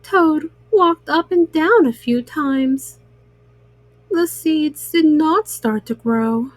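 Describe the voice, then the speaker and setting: High-voiced woman reading a slow children's story. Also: dry recording. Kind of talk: read-aloud children's storybook narration.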